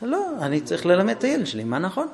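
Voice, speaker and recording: Speaking to a group about parenting, a male lecturer with a high-sitting voice keeps things informal. He animatedly tells stories and plays out parent-child dialogues while a crowd murmurs in the background.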